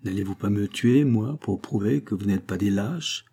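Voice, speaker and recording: A man voicing a hot-tempered farmer who rouses a crowd with loud, commanding shouts. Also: fairly low pitch, normal speed, creaky, husky. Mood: fiery.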